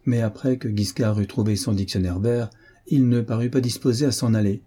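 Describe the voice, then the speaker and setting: Dark husky male audiobook narrator. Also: on the low side, steady tone, fairly quick. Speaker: audiobook reader. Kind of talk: scripted narration.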